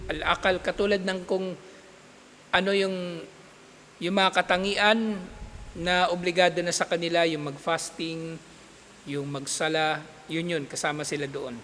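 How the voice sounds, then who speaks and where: A man teaching an Islamic studies class, explaining patiently, checking with his students and reciting Arabic text in quick bursts. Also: high voice, sharp tone, long reverb tail, slight background noise. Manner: explains patiently, checks understanding with repeated "okay?". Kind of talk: classroom lecture.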